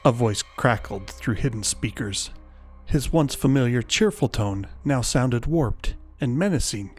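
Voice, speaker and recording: A man reading a scripted horror story in a measured, dramatic storytelling style. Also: mid-range voice, animated, slightly rough, soft background music.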